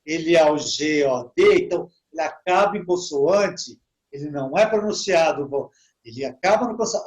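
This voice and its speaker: Speaking in a high register over a rough recording, a man gives a laid-back online English lesson for Portuguese speakers. He often adds "né?" and slows his speech to demonstrate English words.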